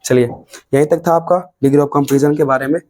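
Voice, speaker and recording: Steady in tone and fairly quick, this slightly mellow, fairly high male voice belongs to a Bihari Hindi English grammar teacher working at a classroom board. He repeats and drills each point, pulling words apart syllable by syllable.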